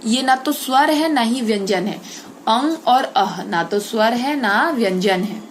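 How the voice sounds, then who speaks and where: A woman teaching an online Hindi grammar class, explaining step by step, saying example words slowly and checking in with the children. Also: on the high side, slight background noise. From India.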